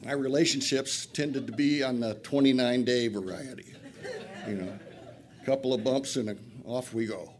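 An older man from Flint, Michigan, telling a profane, self-mocking recovery story at a retreat and laughing often. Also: mid-range voice. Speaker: recovery speaker.

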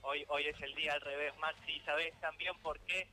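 A teenage radio columnist with an Argentine Spanish accent chats casually on air, playful, teasing, and theatrical. His voice is fairly high and sharp, with a flat delivery at normal speed, and the recording quality is low.

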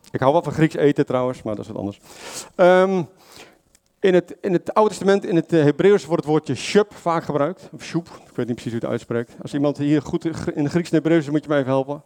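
A man's voice: fairly high pitch, darkish tone. A man preaching an informal sermon, conversational, with many fillers and self-corrections and questions to the congregation. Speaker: lay preacher.

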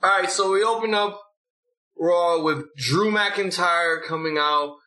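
A man's voice: high voice, measured pace, bright, forceful tone. A man hosting a recap show in a casual, opinionated rant, blunt and full of swearing. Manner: blunt, profane. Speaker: host of a wrestling recap show.

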